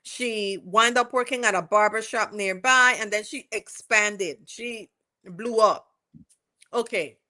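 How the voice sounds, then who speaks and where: A West Indian woman recaps court testimony on her livestream, talking slowly and casually with plenty of self-corrections and rambling. Her pitch is medium and her tone is pushed and bright.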